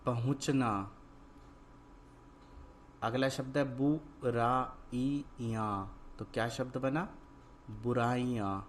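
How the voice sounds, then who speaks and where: A man's voice: mid-range voice, slow, long pauses, a little hiss or hum. A man teaching a Hindi worksheet lesson, asking patient repeated questions and answering each word himself. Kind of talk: worksheet lesson, call and response.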